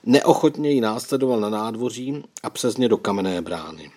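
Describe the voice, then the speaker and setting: A man narrating a children's adventure story in a calm, scripted reading. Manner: reads all characters himself, quotes lifted higher and louder. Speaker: audiobook narrator.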